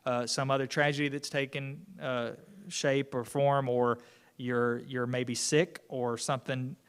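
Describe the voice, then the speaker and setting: A man's voice: medium pitch, level tone, unhurried, clear, resonant tone. A man teaching an unscripted Bible class lesson in a conversational way, often restarting his sentences. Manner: conversational, many restarts and fillers.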